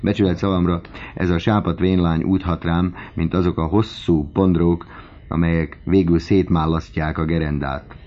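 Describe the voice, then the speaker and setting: A man voicing a lively, teasing young male medical student, on a dull lo-fi recording. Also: sits low, natural voice. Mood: playful. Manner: teasing, playful.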